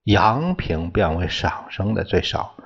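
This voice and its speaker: A man teaching a class in a slow, deliberate way, often restating his terms. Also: low voice, big pitch swings, gravelly, slightly rough. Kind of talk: lecture on classical poetry tones. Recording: dull lo-fi recording.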